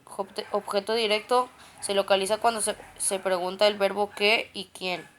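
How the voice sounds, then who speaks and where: A woman's voice: mid-range voice, fairly even intonation, normal speed, a bit bright, slight background noise. A woman reading grammar study notes aloud, stepping through terms and definitions and often restarting words.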